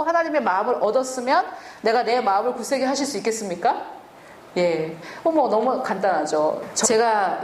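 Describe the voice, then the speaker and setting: A woman's voice: fairly high pitch, darkish tone, roomy sound, slight background noise. A woman preaching a sermon and teaching from the Bible, asking the listeners questions and answering them herself.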